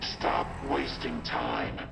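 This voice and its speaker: An actor playing a gruff, suspicious male ghoul who speaks curtly over an intercom in a low, gravelly voice. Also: drawn-out words, background noise. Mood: impatient. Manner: curt, bossy and distrustful. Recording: game audio with loud music behind. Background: game music.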